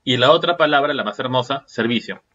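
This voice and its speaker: Lecturer, male, mid-pitched voice, questioning teaching style, dull lo-fi sound. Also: a little fast, a bit bright. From Peru. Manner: rhetorical questions, frequent checking "¿sí?". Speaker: seminar lecturer. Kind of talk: online seminar lecture.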